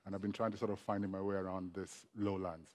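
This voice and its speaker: A man opening a talk to an audience, relaxed and conversational. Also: low voice, fast talker. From Kenya. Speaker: guest speaker. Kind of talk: lecture opening.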